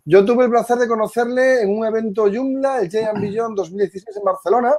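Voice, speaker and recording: A man in his thirties with a high-pitched, darkish voice talks a little fast as he hosts a webinar interview over a video call from an indoor office. His questions come in a friendly, conversational manner.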